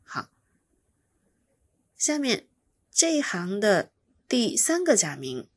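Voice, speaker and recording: A woman teaches pronunciation at an unhurried, careful pace. Her voice is slightly husky and sits in an ordinary middle register. She patiently explains each sound, then repeats it for the learner. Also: medium pitch, sing-song, no echo, studio quality. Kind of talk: slow instructional explanation.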